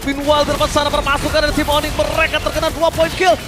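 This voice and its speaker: An Indonesian man shoutcasting esports like a fighting-game announcer, with excited, dramatic, drawn-out calls. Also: extremely high pitch. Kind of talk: excited live game commentary. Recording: music behind the voice.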